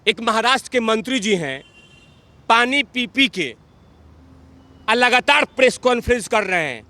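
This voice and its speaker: A man's voice: extremely high pitch, lively intonation, a little slow, bright, forceful tone. A man giving heated political commentary, combative and mocking, repeating phrases for emphasis.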